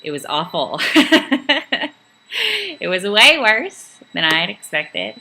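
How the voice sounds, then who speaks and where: A woman's voice: lowish voice, sing-song, moderate pace, gravelly, sharp tone. A middle-aged woman from East Tennessee with a Southern accent, giving a chatty, upbeat home video training talk, full of "um"s and self-corrections. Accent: Southern American (East Tennessee). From Eastern Tennessee, United States. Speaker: direct sales team trainer.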